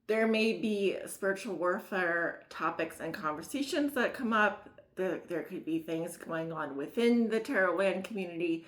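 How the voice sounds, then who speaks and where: A woman's voice: fairly low pitch, lively intonation, moderate pace, few pauses, echoey room. A woman with a Mid-Atlantic Maryland accent doing a casual tarot reading, rambling with lots of fillers and laughing at herself. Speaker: tarot reader.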